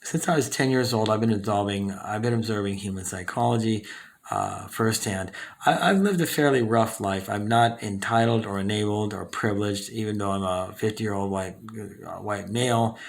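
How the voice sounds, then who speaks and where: A man's voice: on the low side, moderate pace, vocal fry. A man in his fifties from Southern California, hosting his own channel in a rambling monologue full of fillers and restarts. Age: 50s. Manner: rambling, with many fillers and self-corrections. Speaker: channel host. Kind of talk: casual talking-head monologue.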